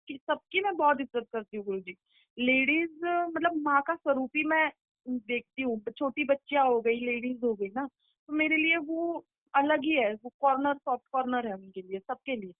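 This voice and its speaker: A woman's voice: high voice, no room sound. A woman on a phone call to her spiritual teacher, recounting a meditation vision in a rambling way, with many fillers and restarts. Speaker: caller seeking spiritual guidance. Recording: tinny, dry phone line.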